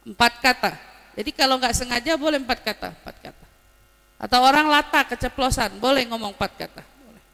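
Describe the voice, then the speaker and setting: Bright-voiced woman teaching religion. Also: high voice, fast talker, big-room sound. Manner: lively, explains with Arabic terms and anecdotes. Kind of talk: religious lesson.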